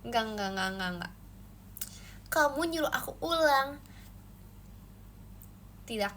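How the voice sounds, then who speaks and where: A young woman hosts a casual idol livestream from her phone, playfully chatting with viewers and answering their comments in an expressive, unhurried way. There's slight background noise, and she says her own voice gets shrill when loud.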